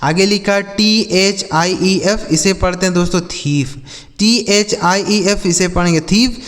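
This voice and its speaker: Spelling out English words one letter at a time and restating each meaning several times, a high-pitched man teaches vocabulary slowly. He keeps a measured pace with a fairly bright tone, and the sound trails off in long reverb.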